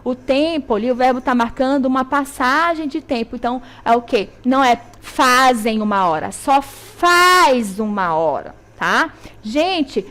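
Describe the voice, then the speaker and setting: Woman, Brazilian Portuguese accent, high voice, teacher on a school broadcast, keeps asking "right?", slow spelled-out syllables. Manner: didactic, checks in with "tá?" and "certo?"; spells out syllables slowly and stresses sounds. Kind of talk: televised school lesson.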